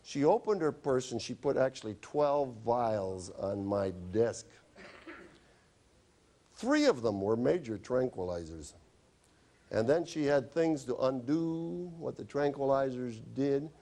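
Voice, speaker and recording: A man's voice: mid-range voice, animated, slow pace, warm tone. A man who is a doctor, telling chatty, wry anecdotes in a health lecture. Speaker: doctor giving a stop-smoking talk.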